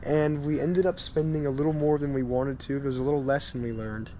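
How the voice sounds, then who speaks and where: A young man who is losing his voice, talking excitedly as he goes through a storage unit he bought to resell. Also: mid-range voice, dull audio, a little hiss or hum. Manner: excitable, quick exclamations. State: losing his voice, squeaky in spots. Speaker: online reseller, channel host. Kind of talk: casual vlog narration.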